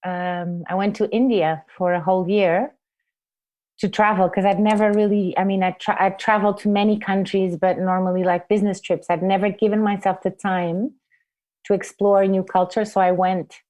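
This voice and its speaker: A woman's voice: medium pitch, little pitch movement, moderate pace. A woman in her forties from Portugal, telling her life story reflectively in an interview. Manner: reflective, soft-spoken, restarts with fillers. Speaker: guest, forest therapy guide trainer.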